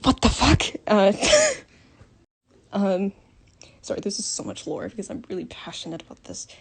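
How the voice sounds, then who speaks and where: A woman's voice: medium pitch, normal speed, vocal fry, breathy edge. A young woman casually retelling the lore of a game roleplay, rambling with lots of fillers and the odd swear word. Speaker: storyteller.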